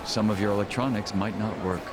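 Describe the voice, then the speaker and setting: A man voicing a level-headed, sceptical companion in a video game, with loud noise behind him. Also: lowish voice, steady tone, a little fast, lightly acted.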